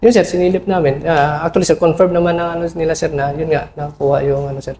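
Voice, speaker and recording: A middle-aged man, an army officer, recounting a battle in an interview, halting and full of fillers, respectfully calling his listener sir. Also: on the high side, fairly even intonation, a little mellow, a little hiss or hum. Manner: respectful toward a senior officer. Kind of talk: interview recollection.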